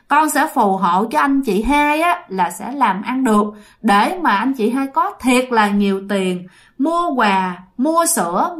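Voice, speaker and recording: A grieving young ghost woman, high and tearful, her voice leaping and pleading as she begs her mother for comfort, put on by a woman telling the story. She sounds lively and shaky, like a daughter returned from the dead. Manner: sobbing, pleading, high and rising.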